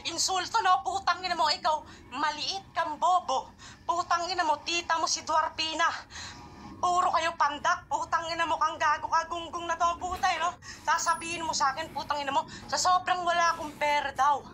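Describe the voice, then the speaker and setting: Ilonggo woman battle rapper, very high and piercing voice, hurls rapid insults. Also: fairly even intonation, bright, forceful tone, faint music behind. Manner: aggressive, insult-heavy, rapid. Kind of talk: online rap battle.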